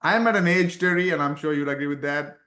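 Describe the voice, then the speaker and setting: A man's voice: fairly high pitch, fast talker, pushed and bright, echoey room. A man from Sri Lanka hosting and interviewing, mostly giving short replies and questions. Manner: short back-channel replies. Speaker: channel host and interviewer. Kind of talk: casual interview chat.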